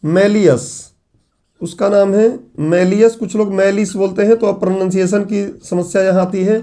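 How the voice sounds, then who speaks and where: A middle-aged man teaching in a classroom, his voice pitched notably high and roughened by a sore throat. He works through the lesson point by point, firing questions at the class and answering them himself. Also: fairly even intonation, moderate pace, mellow. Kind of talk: classroom lecture at a whiteboard.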